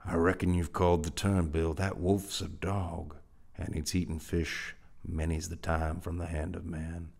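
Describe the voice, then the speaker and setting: Man voicing a laconic frontier man, low voice, terse folksy drawl, dry understatement, dramatic reading. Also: flat delivery, unhurried, vocal fry, darkish tone, exaggerated voice. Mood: agreeing.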